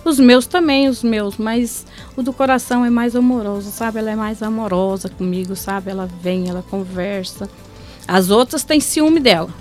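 Woman, middle-aged, heartfelt storytelling, slightly high voice, faint background music. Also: moderate pace. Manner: heartfelt, drops soft and low then lifts bright. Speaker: interviewee. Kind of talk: emotional personal storytelling.

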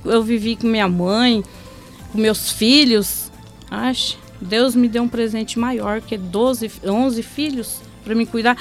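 A middle-aged woman telling a personal story in an interview, heartfelt, sometimes dropping soft and low and then lifting bright. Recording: faint music underneath.

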